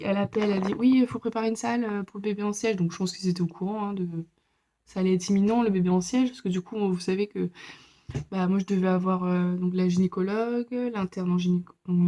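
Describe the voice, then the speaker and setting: A young woman tells her story in a loose, chatty way, filling her sentences with little pauses and asides. Her voice is warm and mellow, sitting at an ordinary middle pitch. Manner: chatty, many fillers, lively retelling with laughs. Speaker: vlogger. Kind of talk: casual storytelling.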